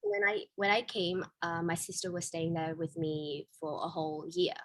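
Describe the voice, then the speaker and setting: A young Vietnamese woman speaks English with a Vietnamese accent as a candid interview guest in casual chat, using many fillers and restarts. Her voice is fairly low and a bit bright, with fairly even intonation and a normal pace. Slight background noise is audible.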